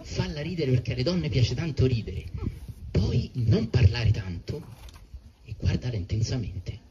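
A man voicing a wise, proud older father who counsels his son slowly. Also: medium pitch. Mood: advising. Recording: muffled with steady background noise.

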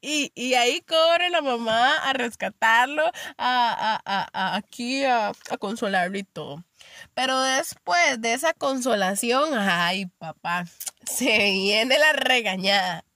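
A woman's voice: a little high, animated, slow, pushed and bright, no room sound. A young woman with a Costa Rican accent, hosting a podcast and telling stories in a chatty, filler-heavy monologue. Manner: chatty storytelling with frequent fillers. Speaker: podcast host. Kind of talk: casual monologue.

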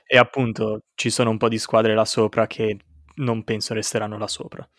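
A man's voice: on the low side, level tone, moderate pace, fairly bright tone, no echo, clean studio sound. A man discussing sports casually as a podcast panelist.

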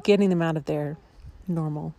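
Casting: woman vlogger, lowish creaky voice, casual, reflective and hesitant. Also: fairly even intonation, moderate pace, dark tone, a little hiss or hum. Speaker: family camping vlogger. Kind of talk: casual vlog talk.

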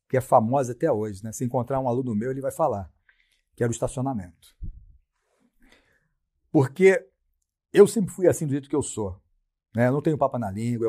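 A man's voice: medium pitch, dark tone. A middle-aged man with a Brazilian Portuguese accent, a podcast guest telling stories in a blunt, slangy way and acting out his own quoted lines. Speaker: podcast guest, sports science professor. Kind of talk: casual storytelling.

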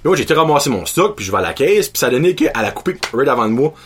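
Crude, animated Québécois man. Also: mid-range voice, rapid-fire, a little hiss or hum. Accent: Québécois French. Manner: crude, profane and animated, with frequent laughs. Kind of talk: casual rambling storytelling monologue.

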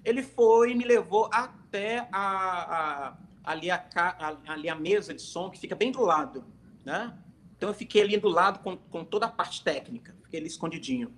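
A man's voice: sits high, normal speed, a bit bright, a little hiss or hum. A man sharing a personal religious testimony on a phone livestream, telling it in a hesitant way with many restarts. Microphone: phone during a livestream.

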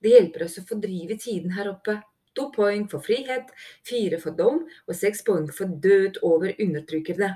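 A woman's voice: medium pitch, mellow, close to an everyday voice. A woman voicing a dutiful male mole guard in a fantasy audiobook, grumbling in a dry, weary way. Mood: wry.

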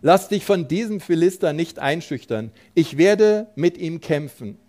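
Brief: man playing a bold young shepherd, earnest and insistent, slightly high voice. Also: animated, unhurried, warm tone. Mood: resolute.

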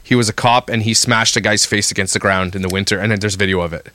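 A man's voice: fairly low pitch, fairly even intonation, quick pace, pushed and bright, no room sound. A man co-hosting a podcast, ranting heatedly in casual chat. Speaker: podcast co-host.

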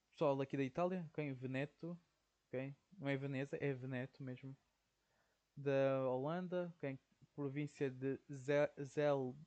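A man's voice: medium pitch, darkish tone, dull audio. A young man from Portugal with a European Portuguese accent, hosting his own podcast in a casual, rambling solo monologue and tagging nearly every phrase with "ok?". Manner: rambling, says "ok?" constantly, slangy. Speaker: podcast host.

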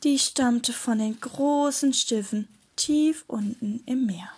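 A woman reading a children's adventure story aloud in a gentle storytelling manner. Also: on the high side, slow, slightly rough.

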